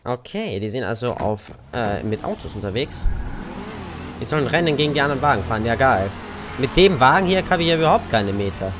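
Over music and the sound of game cars, a young Austrian-accented man commentates on his let's-play session, chatty and relaxed as he swears at other drivers. He talks fairly quickly at a medium pitch with a sing-song lilt.

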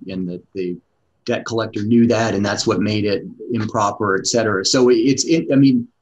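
A middle-aged appellate judge questions an attorney from the courtroom bench during oral argument, probing but conversational. His voice is lowish and a little mellow, and the recording cuts off the highs.

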